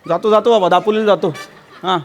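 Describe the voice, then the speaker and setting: A man's voice: high-pitched, steady tone, quick pace, heavy background noise. A man acting in a Marathi stage comedy sketch, speaking in a whiny, pleading way and repeating "baba". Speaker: comic actor in a sketch. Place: television studio stage.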